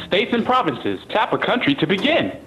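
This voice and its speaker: A man voicing a children's learning gadget, giving lively scripted instructions through a speaker in an echoey room. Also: high voice, moderate pace, over loud music. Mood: upbeat. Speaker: recorded menu voice of an electronic learning toy.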